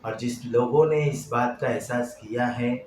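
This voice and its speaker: A man's voice: medium pitch, fairly even intonation, a little mellow. Heartfelt middle-aged man, distant echoey mic. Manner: halting, heartfelt, voice swells and drops. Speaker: vlogger. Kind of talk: emotional personal storytelling. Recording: echoey, distant, noisy room.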